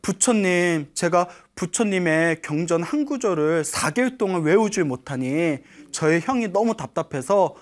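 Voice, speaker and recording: A woman voicing an earnest, slow-witted young monk humbly pleading to be allowed to stay. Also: fairly low pitch, animated, lightly acted.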